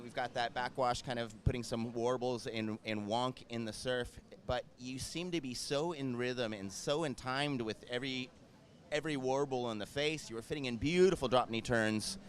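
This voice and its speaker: A man's voice: mid-range voice, normal speed. A man interviewing a surfer on the beach after a heat, upbeat and chatty. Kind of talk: post-heat sports interview. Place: beach, outdoors.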